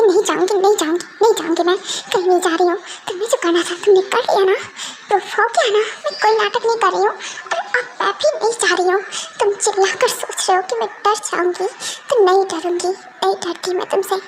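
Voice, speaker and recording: A woman's voice: very high voice, background noise. A woman voicing a jealous, defiant young wife who argues tearfully and stubbornly in an amateur fan dub.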